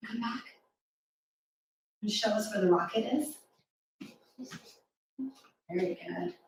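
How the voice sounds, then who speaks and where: Slow and mid-range, a woman's voice carries rhyming verse to young kids at a live reading, warm with encouragement and interaction. Faint noise and room echo come through the distant mic in the spacious venue.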